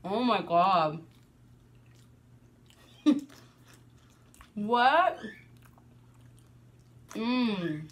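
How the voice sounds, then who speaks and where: Chatty, excitable mom vlogger. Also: female voice, medium pitch, very slow, long pauses. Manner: chatty and excitable, laughs often. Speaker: family vlogger and mother. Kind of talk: casual product review chat.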